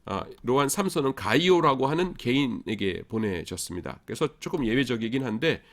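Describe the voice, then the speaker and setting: Lively-pitched male professor lecturing. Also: fairly quick. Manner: explanatory, asks the class rhetorical questions; casual fillers and self-corrections. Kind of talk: recorded university lecture.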